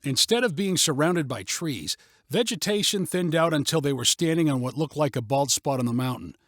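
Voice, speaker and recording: A man narrates a story in a scripted audiobook reading at normal speed, his fairly high voice very animated in pitch. The recording is close and dry, with no echo.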